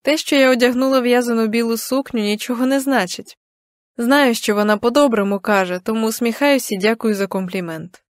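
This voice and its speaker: A young adult woman narrating an audiobook in the first person, with even, gentle storytelling. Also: a little high, brisk, no room sound, studio quality.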